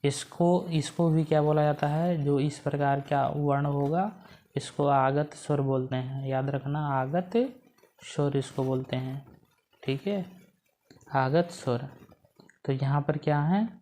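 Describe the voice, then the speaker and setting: A woman's voice: low voice, steady tone, slow, warm tone. A woman teacher giving an exam-prep grammar lesson, asking questions and answering them herself and repeating key points to memorize.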